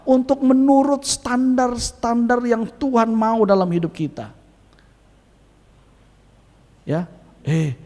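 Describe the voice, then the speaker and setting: A male pastor preaching a sermon in a lively way, quizzing the congregation and calling for amens. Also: high voice. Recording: long hall reverb.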